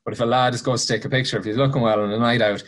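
A man's voice: medium pitch, steady tone, very fast, a bit bright. A man with a west of Ireland accent chatting casually and giving his opinions in a colloquial, anecdotal way.

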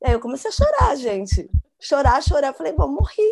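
A woman's voice: high-pitched, wildly swooping pitch, fairly quick, gravelly. A Brazilian woman in her forties, a podcast co-host, telling a story in casual chat and acting out her own panic. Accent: Brazilian Portuguese. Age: 40s.

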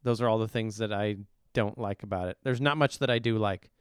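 A man's voice: lowish voice, brisk, clear, resonant tone, no room sound, clean studio sound. A middle-aged man co-hosting a podcast, giving blunt, opinionated song reviews in casual chat. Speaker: podcast co-host reviewing songs.

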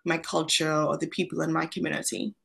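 A young woman from Trinidad and Tobago, a guest on a podcast interview who talks in a friendly, animated way with frequent ums. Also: low-pitched, a little fast, creaky, a little hiss or hum. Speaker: guest, founder of an online platform.

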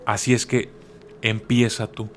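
A man voicing a clever male dwarf who challenges a king, in a calm, plain storyteller's voice. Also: mid-range voice, measured pace, a little hiss or hum, close to an everyday voice. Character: clever old male dwarf claiming a throne.

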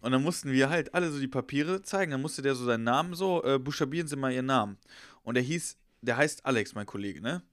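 A man's voice: mid-range voice, fast, fairly bright tone, no room sound, clean studio sound. A young man in casual chat, telling a rambling, slangy story and acting out the voices of the people in it.

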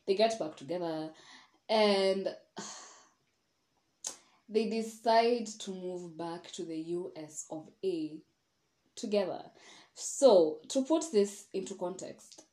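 A woman's voice: fairly low pitch, slow pace, long pauses, mellow. A woman hosting a solo podcast, giving a frank, rambling review with sighs and asides. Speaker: podcast host. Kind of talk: casual solo review monologue. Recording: echoey room.

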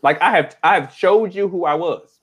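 A man co-hosting a podcast, making sarcastic, deadpan asides in casual group banter. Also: sits high, normal speed, husky. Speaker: podcast co-host.

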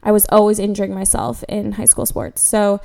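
Young woman vlogger, warm relaxed tone, candid chatty storytelling full of fillers. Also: mid-range voice, a little fast, vocal fry. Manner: chatty, candid, self-deprecating, frequent "like" fillers. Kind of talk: casual personal storytelling.

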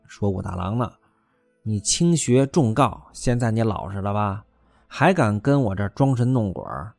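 A man's voice: on the low side, no room sound. Guy doing a jealous young concubine, snappy and scolding, dry close sound, faint music behind. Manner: sharp, scolding, pleading. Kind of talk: storyteller voicing a character.

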